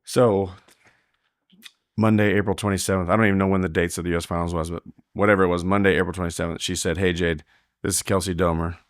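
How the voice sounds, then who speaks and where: A man's voice: sits low, fast, smooth, dry recording, studio quality. A man guesting on a podcast, telling stories casually and animatedly, acting out what others said. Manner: animated retelling, acting out quoted talk; frequent laughter, restarts. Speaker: podcast guest, rodeo heeler. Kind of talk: casual storytelling in a podcast interview.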